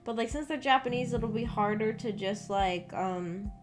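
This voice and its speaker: Background music accompanies a woman livestream host in her room at home as she chats casually with viewers. Her medium-pitched voice moves at a normal speed, and her talk is rambling, giggly, and self-conscious.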